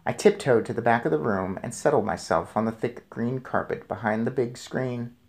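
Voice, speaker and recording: With a mid-range voice, some vocal fry and an ordinary pace, a man gives an expressive reading of a children's storybook.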